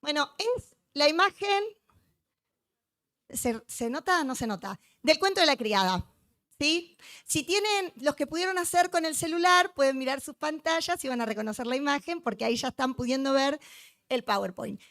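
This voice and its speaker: A woman's voice: sits high, expressive, moderate pace, fairly bright tone, dry recording. A woman giving a joking, chatty conference lecture, teasing her live audience. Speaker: conference speaker.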